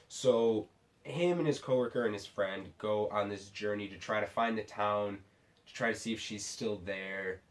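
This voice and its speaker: A tipsy man giving a casual, unscripted movie review in a rambling, halting way, often restarting his sentences. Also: on the low side. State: tipsy from drinking sake. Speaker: film reviewer.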